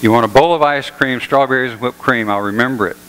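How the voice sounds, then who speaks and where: A man's voice: mid-range voice, fast, fairly bright tone, slight background noise, natural voice, rough recording. A man voicing a forgetful older husband in a joke, insisting he will remember. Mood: insistent. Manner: insistent, getting agitated.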